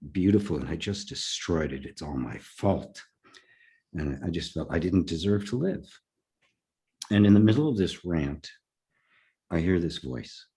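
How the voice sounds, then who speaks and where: Older man with a very deep voice. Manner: halting, repeats words, soft laughs. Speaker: spiritual teacher. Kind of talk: personal storytelling in conversation.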